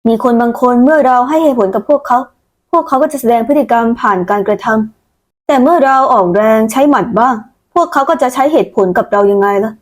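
A woman's voice: a little high, fairly quick. A woman reading out a manga recap, voicing every character herself. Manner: switches between character voices. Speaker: narrator voicing all characters.

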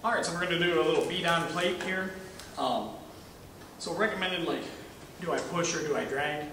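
The audio is poor, carrying a little hiss or hum, as a man in his thirties casually shows off welding equipment in a shop corner backed by a curtain. He speaks at normal speed in a slightly high, sharp-toned voice, narrating while working with his hands.

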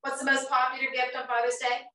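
Upbeat 50s lady hosting a cooking stream, bit high voice, roomy kitchen, mic far off. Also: monotone, fast, sharp tone. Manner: chatty, encouraging, laughs often. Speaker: host of a live cooking show. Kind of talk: upbeat live-stream chat. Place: home kitchen, indoors. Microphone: far camera.

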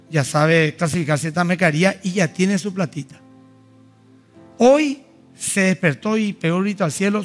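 A man preaching a sermon as pastor, animated and rising into exhortation. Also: high-pitched. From Paraguay.

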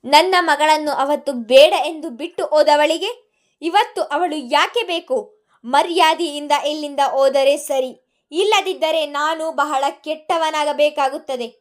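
A woman storyteller voicing an angry father who shouts to drive out his ex-wife. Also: sits high, a little slow, pitched above the performer's own voice. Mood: furious. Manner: shouting, furious.

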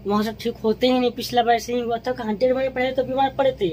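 A woman's voice: a little high, little pitch movement, fast, darkish tone, a little hiss or hum, poor audio. A woman vlogger speaking to her viewers in a casual, matter-of-fact and reassuring way. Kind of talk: casual vlog talk to viewers.

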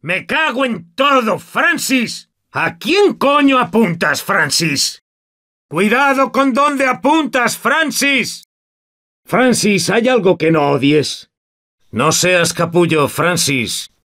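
A man voicing a gruff, sardonic older war veteran in a video game, swearing often. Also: on the high side, lively intonation, slow pace, a bit bright, exaggerated voice. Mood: irritated. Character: gruff old male war veteran survivor. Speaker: game character.

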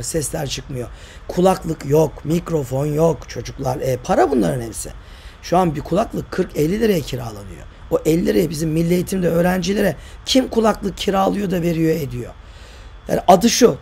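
A man's voice: on the high side, vocal fry, dark tone, a little hiss or hum. An older man, a tour guide and author, giving emphatic, argumentative vlog commentary full of rhetorical questions. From Turkey.

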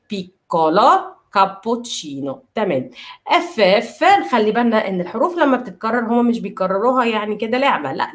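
Patient Egyptian woman teaching pronunciation. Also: medium pitch. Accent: Egyptian Arabic. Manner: patient, slowly repeats each word and checks understanding often. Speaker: Italian language teacher. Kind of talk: online pronunciation lesson.

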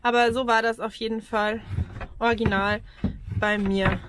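Background noise fills this outdoor camper van vlog, where a forties-aged Austrian woman talks casually and candidly into an action camera at arm's length. Her voice is on the high side with little pitch movement and a normal speed, and she often says um and laughs lightly.

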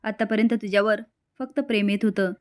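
A woman's voice: medium pitch, steady tone, brisk. A woman narrating a recap of a television serial, retelling each scene and reading the characters' lines aloud. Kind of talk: scripted story recap narration.

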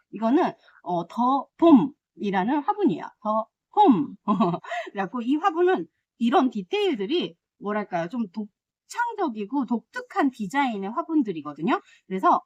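Excitable, chatty middle-aged woman. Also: fairly high pitch, no echo, muffled recording. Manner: chatty, excitable, laughs often. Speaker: succulent vlogger. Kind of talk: casual unboxing chat.

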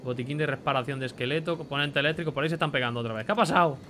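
A man's voice: medium pitch, very fast, pushed and bright, slight background noise. A young man with a Spain Spanish accent giving chatty let's play commentary, swearing casually and reading item names aloud. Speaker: gameplay commentator.

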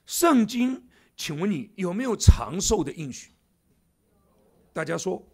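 A man's voice: sits high, big pitch swings, a little slow, a little mellow, breathy edge. A man in his seventies, a church elder, preaching a sermon in a church with jokey asides to the congregation. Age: 70s.

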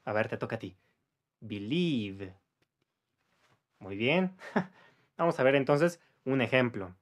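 A man teaching English pronunciation to Spanish speakers, patiently saying words and sentences slowly for the listener to repeat, with light chuckles between explanations. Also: medium pitch, animated. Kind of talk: pronunciation lesson.

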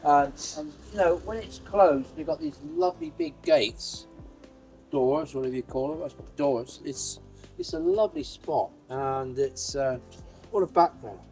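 A man's voice: fairly high pitch, big pitch swings, unhurried, vocal fry, a little mellow, soft background music, rough recording. A man, chatting reflectively and a little hesitantly outdoors as he shows someone around a town. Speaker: town crier giving an interview. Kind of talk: casual walking chat. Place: outdoors on a town high street.

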